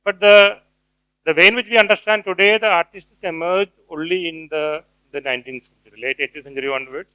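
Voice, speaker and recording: A middle-aged man giving an academic lecture, pausing often with fillers and restarts. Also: a little high, pushed and bright, smooth, no echo, rough recording. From India. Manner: hesitant, many fillers and restarts. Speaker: guest speaker, cultural theorist.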